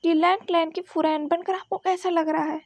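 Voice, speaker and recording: A woman voicing pushy news reporters who fire rapid, insistent questions in a read-aloud story. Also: very high-pitched, level tone, darkish tone, no echo.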